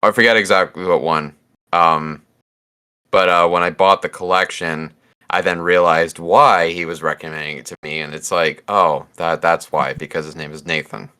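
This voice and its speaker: A man's voice: low-pitched, level tone, moderate pace, pushed and bright, clean tone. A man co-hosting a casual podcast chat, rambling through stories and laughing at them. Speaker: podcast co-host.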